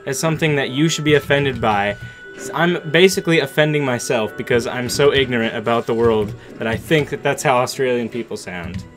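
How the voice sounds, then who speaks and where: A man's voice: mid-range voice, brisk, over music. A young man joking and laughing as he chats over a video game, often mocking himself. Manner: giggly, self-mocking. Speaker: let's play commentator. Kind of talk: casual joking chat over gameplay.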